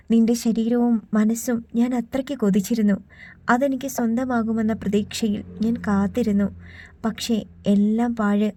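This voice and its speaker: A woman's voice: a little high, mellow, lightly acted. A woman voicing an earnest, regretful young man in an audiobook, speaking in a pleading, tender way. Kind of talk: audiobook reading.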